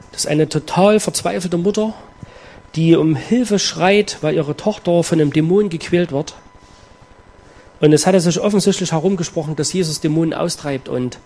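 Delivering a sermon that includes Bible reading, a man with a darkish, fairly high-pitched voice takes the text slowly and with earnest weight. Key words get emphasis, and dramatic pauses come before his explanation of the passage.

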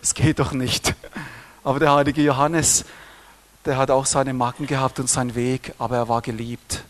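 A man's voice: mid-range voice, level tone, moderate pace. A man preaching a sermon on scripture, emphatic, with frequent swells in volume and repeated words.

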